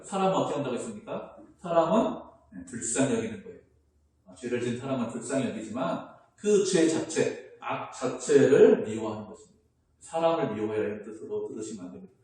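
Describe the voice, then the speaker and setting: A man's voice: mid-range voice, a little mellow. Man, pastor, sermon, rhetorical questions, church hall, heavy echo, distant mic. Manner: preaching with rhetorical questions to the congregation. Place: church sanctuary. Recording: echoey hall, voice from far off.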